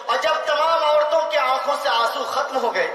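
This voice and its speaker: Male preacher, very high and bright-voiced, fervent repeating cadence; recorded from afar in a long-reverb hall. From India. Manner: fervent, rhetorical, builds by repeating phrases. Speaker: Islamic cleric addressing seminary students. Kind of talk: impassioned sermon. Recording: echoey hall, voice from far off.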